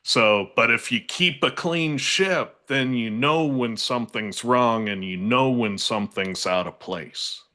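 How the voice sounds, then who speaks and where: A man talking in a casual online panel discussion, unhurried and full of restarts. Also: medium pitch, sharp tone. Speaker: SEO panelist.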